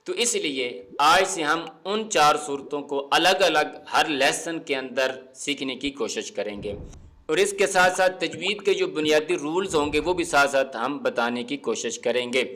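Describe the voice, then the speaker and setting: A man teaching Quran pronunciation, explaining the rules patiently and words slowly to show how to say them. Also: fairly high pitch, pushed and bright. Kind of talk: explanatory lesson with slow recitation.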